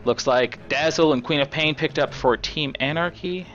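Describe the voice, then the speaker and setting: A man with a raspy voice giving casual, chatty live commentary on a game as an esports caster. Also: a little high, normal speed, fairly bright tone, muffled recording. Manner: casual, chatty play-by-play with fillers.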